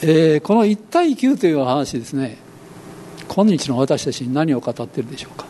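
An elderly pastor in his eighties with a Kansai Japanese accent preaches a sermon in a folksy, unhurried storytelling style, acting out the voices of people he quotes. His voice is a little high and dark-toned with big pitch swings, and there's a little hiss or hum in the recording.

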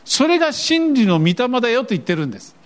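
A man's voice: very high voice, very animated, fast talker. An older man preaching a sermon as pastor, asking his congregation questions and acting out the voices he quotes.

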